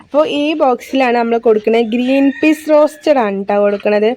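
High-voiced young woman vlogging. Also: fast talker, darkish tone. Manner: chatty, homely, talks straight to viewers. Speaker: family vlogger and mother. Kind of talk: casual family vlog narration.

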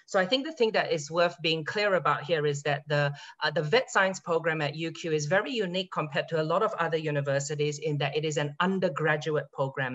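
A Singaporean man in his thirties, a university lecturer, talks in an online info session from a room at home in the evening. His voice is on the high side with a fairly bright tone, and he's chatty, often restarting his words. The video call audio sounds dull and lo-fi.

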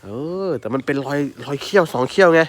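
A man's voice: fairly high pitch, quick pace. A man, telling a story in casual chat with frequent exclamations. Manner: animated, exclaims often. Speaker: elephant mahout and channel host.

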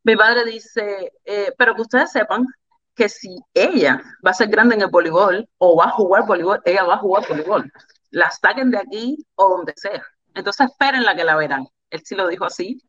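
A woman's voice: mid-range voice, moderate pace, dull audio. Candid Cuban woman telling her story. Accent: Cuban Spanish. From Cuba. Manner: animated, candid, repeats phrases for emphasis. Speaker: interview guest, volleyball player. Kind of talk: storytelling in an interview.

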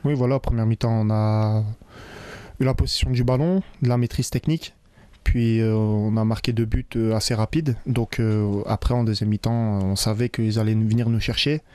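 A man's voice: lowish voice, moderate pace, clear, resonant tone, dry recording. Young man from France talking after a match. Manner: relaxed, many filler sounds, loose phrasing. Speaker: football player. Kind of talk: post-match interview. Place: locker room, indoors. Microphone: interviewer's handheld mic.

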